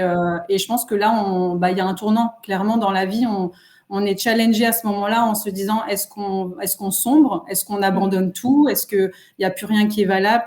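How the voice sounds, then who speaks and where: In a casual interview, a guest entrepreneur in her 30s reflects earnestly on her experiences, using lots of fillers. She has a mid-range voice with a darkish tone.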